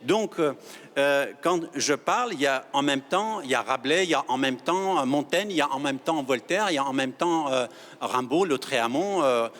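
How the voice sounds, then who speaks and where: A man speaking earnestly and reflectively as a guest in a studio debate, pausing often with fillers. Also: mid-range voice, lively intonation, fairly bright tone. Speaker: guest panelist. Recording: reverberant studio hall.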